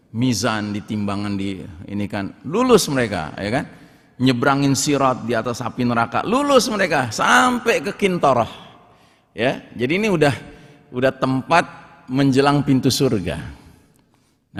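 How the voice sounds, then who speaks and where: A man's voice: fairly low pitch, big-room sound. A male Islamic preacher giving a sermon in a folksy, conversational way, often adding tag questions to his points. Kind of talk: sermon storytelling.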